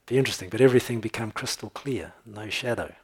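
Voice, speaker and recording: A man's voice: fairly low pitch, fairly quick, slightly rough. A man preaching a conversational sermon, telling jokes and checking in with his listeners as he goes. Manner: conversational, tells jokes and laughs, checks in with "okay?". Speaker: pastor.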